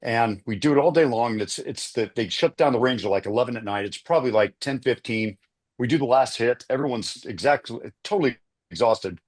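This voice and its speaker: A man's voice: mid-range voice, fairly quick. A man, a retired army officer, telling a long story on a video panel, rambling with many uhs and restarts. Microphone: video call.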